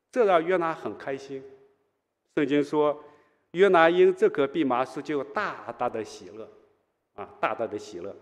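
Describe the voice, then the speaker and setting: A man preaching a sermon, retelling a scripture story expressively and posing rhetorical questions to the listeners. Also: mid-range voice. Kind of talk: sermon teaching. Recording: reverberant hall.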